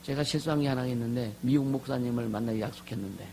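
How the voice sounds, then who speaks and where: Gravelly-voiced man preaching with fervor. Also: medium pitch, fast talker, slight background noise, low-quality recording. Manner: animated, asks the congregation for amens, swings from soft asides to loud shouts. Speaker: pastor. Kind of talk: lively conference sermon.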